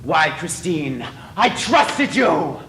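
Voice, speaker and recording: A man playing a disfigured masked man, obsessive and possessive, in a stage play, swinging from soft pleading to shouting rage. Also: a little high, expressive, normal speed. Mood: anguished, raging. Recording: echoey stage from a distance, faint noise.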